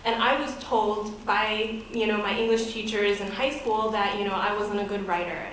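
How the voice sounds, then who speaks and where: Speaking from a podium in a very echoey event hall, a Boston-raised American woman in her thirties delivers a frank, chatty personal talk as a guest presenter. Her pitch is medium and her delivery flat, at normal speed with a fairly bright tone. She's recorded from a distance, with a little background noise.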